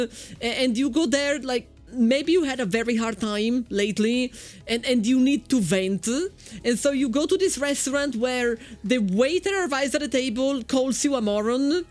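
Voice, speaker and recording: A woman with an Italian accent giving casual, chatty game commentary as a streamer, often repeating her first words. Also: fairly high pitch. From Italy. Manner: chatty, repeats words when starting sentences.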